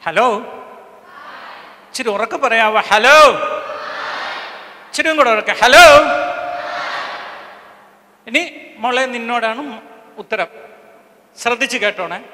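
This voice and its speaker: A man preaching a sermon to a live audience, leading lively call-and-response and counting off his points. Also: very high voice, moderate pace, long pauses, a little hiss or hum. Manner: call-and-response, keeps urging the crowd to answer louder. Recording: long hall reverb.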